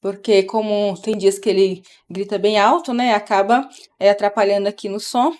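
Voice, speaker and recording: A woman's voice: medium pitch, steady tone, moderate pace, darkish tone. A middle-aged woman from Brazil, a mother chatting casually on a live stream and explaining things as she goes. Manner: chatty, explains while talking to her child.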